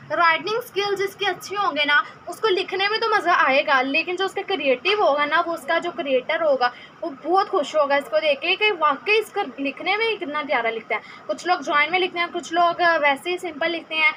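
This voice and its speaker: A woman with a Pakistani Urdu accent gives an informal English lesson, speaking in a very high, bright voice. She talks in a chatty way and slows right down to repeat each sound as a drill. A faint hiss of noise sits underneath the recording. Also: poor audio. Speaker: English tutor.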